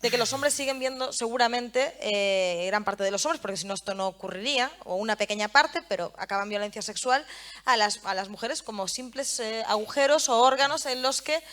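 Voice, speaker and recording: A woman moderating a panel interview, asking long, measured questions with small hesitations. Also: on the high side, fairly bright tone.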